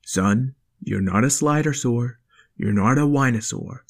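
A woman voicing a stern father dinosaur in a storybook, firm and lecturing in a lowered voice. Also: unhurried, heavily acted. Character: stern, set-in-his-ways father dinosaur. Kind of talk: storybook character voice.

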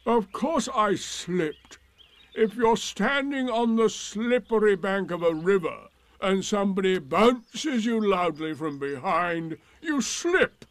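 Guy doing a sulky old donkey, super slow mopey drawl, sarcastic. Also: high voice, lively intonation, a bit bright, dry recording, voice pushed up, heavily acted. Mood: gloomy. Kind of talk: storybook reading.

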